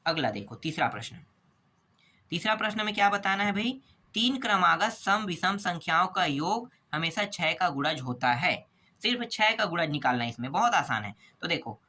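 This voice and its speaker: A male maths teacher works through exam problems step by step, keeping his tone bright and sharp. He poses quick questions and answers them himself, checking in with a repeated "okay?". The voice is recorded close to the mic. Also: sits high.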